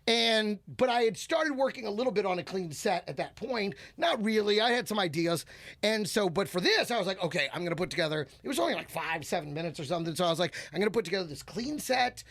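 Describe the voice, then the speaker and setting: A man telling a comic story as a podcast guest, animated and swearing freely, acting out other people's voices. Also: sits high, quick pace. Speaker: guest comedian. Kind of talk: casual comedic storytelling.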